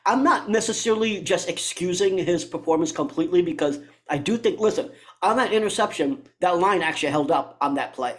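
A man with a raised, fairly high voice argues football on a casual podcast. He is blunt and profane, and he cuts in to make his case. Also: brisk, hardly any pauses, fairly bright tone. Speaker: podcast co-host. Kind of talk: casual sports podcast chat.

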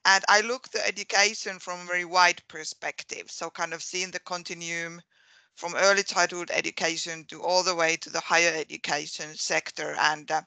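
A woman with a Finnish accent introduces herself on a video call, pausing and restarting often. Her voice is bright and smooth, picked up dry and close through a headset. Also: on the low side, level tone, no echo. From Finland. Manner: hesitant, many fillers and restarts. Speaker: education specialist. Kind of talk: introducing herself in an online meeting.

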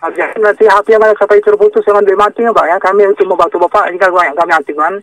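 A man talks over the phone at a very fast pace in a bright, somewhat high voice. He gives insistent, repeated step-by-step instructions and keeps checking that the listener follows. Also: steady tone, no echo, distant mic. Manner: insistent, repetitive, checking for understanding. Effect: heard over the phone. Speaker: phone scam caller. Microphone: phone call. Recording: phone call audio.

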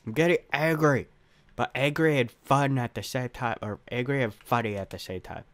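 Recorded dry at a normal speed, this is a young man's commentary on his Minecraft parkour gameplay. He's a gamer who curses and yelps in frustration at each failed attempt, his voice cracking upward as he rages.

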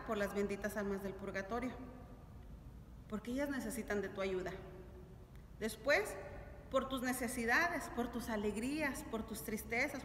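This catechism teacher, a middle-aged woman, has a slightly high, somewhat bright voice. She gives a didactic religious lesson to families with check-in questions, recorded indoors in an echoey, noisy stone-walled church by a camera several steps away.

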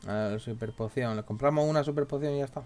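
A man's voice: medium pitch, quick pace, warm tone, faint music behind. A man casually chatting during a video game session, laughing often and checking choices with his partner. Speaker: let's play co-host. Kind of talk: casual gaming chat.

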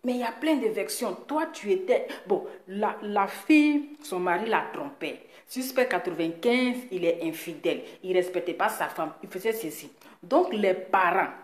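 A woman's voice: mid-range voice, lively intonation, normal speed, hardly any pauses. Lady ranting on a live, scolding, asks the same question over and over, echoey room. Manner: scolding, repeats rhetorical questions. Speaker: online commentator. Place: indoors in a residence.

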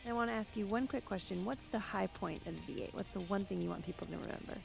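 A woman's voice: mid-range voice, fast talker, gravelly, soft background music. A young woman hosting outdoors at a race track, speaking energetically into a handheld mic. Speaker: host. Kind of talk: upbeat presenting and interviewing.

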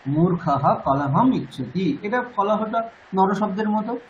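A man teaching a language class online with a Bengali accent, patiently correcting students and slowly repeating words. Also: high voice, animated, lo-fi sound, a little hiss or hum.

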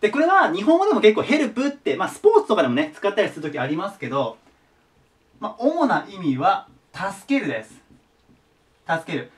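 Lively patient male English teacher. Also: high voice, fairly quick, far from the mic. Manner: patient, repeats each word form. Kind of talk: explaining English vocabulary to students.

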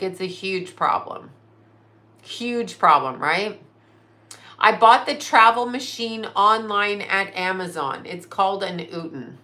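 A woman's voice: mid-range voice, pushed and bright. A woman in her fifties chatting casually on a livestream, rambling from topic to topic and answering viewers' comments aloud. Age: 50s. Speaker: livestream host. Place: in a car.

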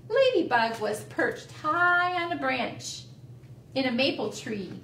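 Librarian for kids' storytime; expressive, high, lively, slow, roomy room with a distant mic. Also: female voice, creaky, slight background noise. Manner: sing-song, gentle, expressive. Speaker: children's librarian. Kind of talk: storytime read-aloud.

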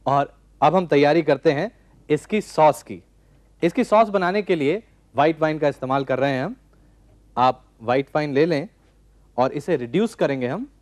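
A man in his forties hosting a TV cooking show, calmly explaining a recipe step by step from a studio kitchen set. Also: fairly high pitch, normal speed, long pauses, no room sound. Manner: calm step-by-step instructing. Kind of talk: cooking demonstration.

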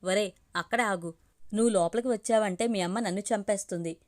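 A woman's voice: medium pitch, fast, close to an everyday voice. A woman voicing a teasing middle-aged father who jokes with his wife. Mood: chiding.

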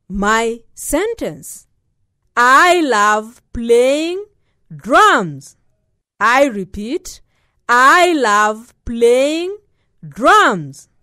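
Slow, lively woman teacher for children. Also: on the high side, dry recording, clean studio sound. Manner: slow, deliberate, repeating each word and letter. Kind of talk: children's literacy lesson.

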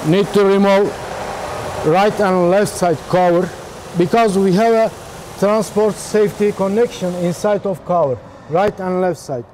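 Man in his thirties, very slow delivery, mellow dark tone, halting step-by-step instructions, faint factory hum. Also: high voice. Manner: halting non-native phrasing, slow and step-by-step. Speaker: technician demonstrating machine installation. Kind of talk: instructional walkthrough. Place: large factory floor.

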